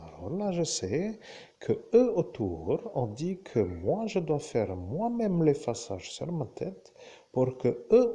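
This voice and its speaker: A man with a Lorraine French accent, talking to his viewers in a slow, wandering monologue and often turning to address the listener directly. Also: on the high side, dark tone, husky. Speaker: vlogger. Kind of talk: rambling monologue to camera.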